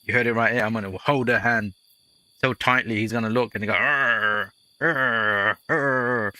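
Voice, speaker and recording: A guy rambling through gameplay commentary, a jokey storyteller with a low voice. His tone is very bright and cutting. The sound is close and dry, with no room around it. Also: steady tone, fast talker, dry recording. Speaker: let's play host.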